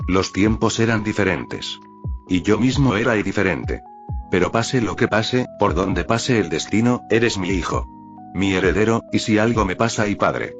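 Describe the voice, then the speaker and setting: A man calmly reading a first-person fan fiction story aloud as narrator. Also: low-pitched. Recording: dull lo-fi audio with faint music.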